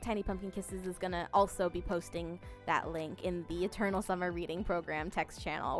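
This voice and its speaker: Woman live-streamer, unhurried chatty delivery full of "um"s, bursts of bubbly greetings, faint music underneath. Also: mid-range voice, a bit bright. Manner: rambling, many fillers and restarts, reads chat aloud. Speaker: streamer reading chat. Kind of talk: casual live-stream chat.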